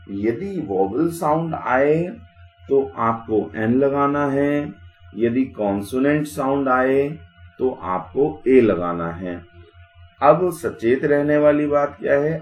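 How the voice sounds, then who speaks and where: A man's voice: mid-range voice, slow, a little mellow, echoey room, rough recording. A man teaching English grammar in Hindi, explaining patiently and asking rhetorical questions. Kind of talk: Hindi classroom-style lesson.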